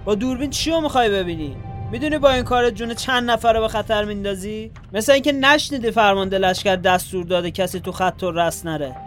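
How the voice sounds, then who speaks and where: An actor playing a young wounded soldier, grieving and quick to anger, blunt and scolding. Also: male voice, high-pitched, music in the background, natural voice. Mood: angry.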